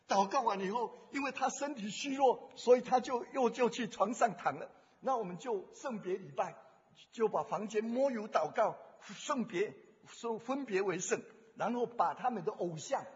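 Man pastor, high voice, storytelling sermon, dull echoey hall sound. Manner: storytelling, acts out dialogue, swings between loud and soft. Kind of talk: sermon with retold personal story.

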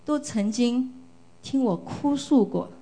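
A middle-aged woman from China tells her story at a church service in a fairly high voice. She speaks earnestly and with feeling, and often repeats a phrase to stress it. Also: expressive, slow, warm tone. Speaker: church member giving testimony. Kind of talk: church testimony.

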